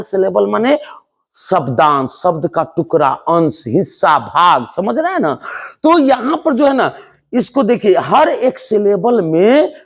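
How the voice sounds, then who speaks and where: Teaching board exam students English spelling and pronunciation, this man's voice sits high. He keeps things lively with jokes and playful scolding of the class.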